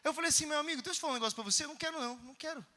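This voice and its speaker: A Brazilian man preaches from a conference stage in a very high, sharp, bright voice. He tells animated stories and breaks into shouts now and then. A long hall reverb trails behind his words. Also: rapid-fire. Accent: Brazilian Portuguese. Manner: animated storytelling that bursts into shouts. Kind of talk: conference sermon.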